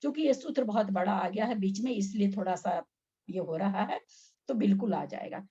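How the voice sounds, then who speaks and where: A woman's voice: medium pitch, a little fast, dark tone, husky, highs cut off. A woman teaching Sanskrit pronunciation in an online class, patient and step by step, with repeated examples.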